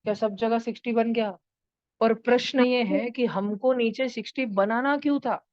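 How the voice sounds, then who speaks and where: A woman's voice: a little high, steady tone, normal speed, a little mellow, no room sound, highs cut off. A woman teaching a math lesson to children in an online class, turning numbers into story characters and acting out their lines. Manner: playful, acts out number characters in voices.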